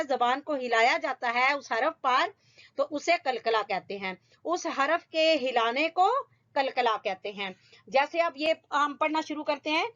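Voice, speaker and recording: A woman's voice: high voice, fairly bright tone. A woman who teaches Quran reading to students, drilling letter sounds patiently and repeating each one. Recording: dull lo-fi home recording.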